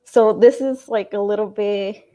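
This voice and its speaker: A woman in her late twenties from New York City, talking in a casual interview about her school days, thoughtful, with frequent fillers and soft laughs. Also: mid-range voice, steady tone, measured pace. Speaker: interview guest, alumna.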